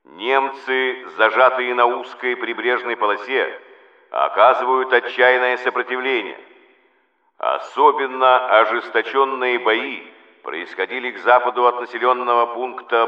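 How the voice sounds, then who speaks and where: Booming solemn state radio announcer, man, roomy sound. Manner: booming, solemn, declamatory state announcer delivery with weighty pauses. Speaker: wartime radio announcer reading a military bulletin. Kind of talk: 1940s Soviet state radio news bulletin, formal scripted reading. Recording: dull roomy vintage radio recording.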